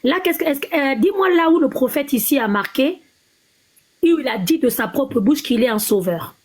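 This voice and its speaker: A woman's voice: sits high, expressive, moderate pace, slightly rough. A woman debating in a live online call, pressing her point and repeating her questions insistently. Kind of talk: heated live-stream debate.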